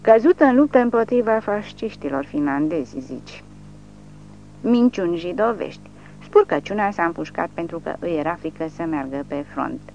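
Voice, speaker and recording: A woman's voice: on the low side, lively intonation, darkish tone, muffled recording, faint music behind. A woman voicing a drunk, brutal male commissar who rants and hurls abuse. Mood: raging. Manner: slurring, abusive ranting.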